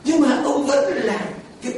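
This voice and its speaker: A man's voice: very high voice, measured pace, recorded from a distance, noisy background. A man preaching a sermon to his congregation, quizzing listeners and mimicking people as he talks. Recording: echoey church picked up from afar.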